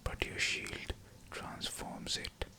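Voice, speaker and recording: A man whispering a scripted pep talk of affirmations, in short, deliberate phrases. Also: pushed and bright. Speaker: guided affirmation narrator.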